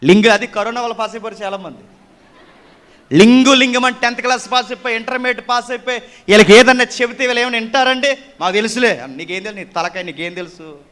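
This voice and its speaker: A man preaching a sermon, scolding his listeners emphatically with loud bursts of emphasis. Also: extremely high pitch, fast, smooth.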